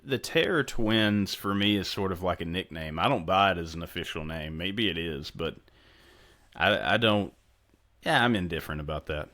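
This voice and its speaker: A man with a very deep voice, talking on a podcast in a relaxed, easygoing way. He chats loosely and laughs readily. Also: normal speed. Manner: laid-back, laughs easily. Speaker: podcast co-host. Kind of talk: casual chat.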